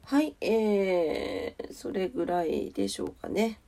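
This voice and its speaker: A woman with a congested, nasal, stuffed-up voice hosts a solo morning radio-style show, chatting politely about the weather and daily notes. Her mid-range voice is gravelly and warm, with lively intonation, and she takes it slowly.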